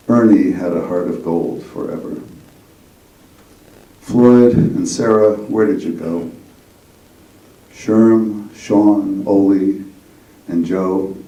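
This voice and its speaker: An older man with a low, dark voice reads a poem slowly and plainly, then introduces a guest as the host. He is heard from a distance in a roomy, echoing hall. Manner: slow, measured, plain delivery. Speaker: event host and poet. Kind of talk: poetry reading and introduction. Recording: roomy echo, mic far off.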